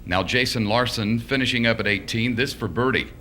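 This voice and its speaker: Bright, crisp-edged male golf commentator. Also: mid-range voice, fairly quick, a little hiss or hum. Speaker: golf commentator, play-by-play announcer. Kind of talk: live golf play-by-play commentary.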